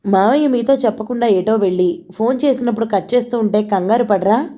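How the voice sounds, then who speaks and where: An anxious young wife, fretful and accusing, as a woman reader voices her. She pleads and complains in a raised, higher voice with a mellow tone. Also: a little fast, lightly acted. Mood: upset.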